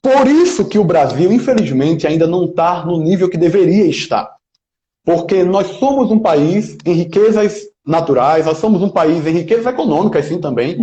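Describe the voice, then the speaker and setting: Roomy-sounding young Pernambucan man, mellow. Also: high-pitched, lively intonation, moderate pace. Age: 20s. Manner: emphatic, speechmaking, leans on "né?" tags. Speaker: local political pre-candidate interviewee. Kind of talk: earnest interview answers. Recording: roomy, slightly dull lo-fi sound.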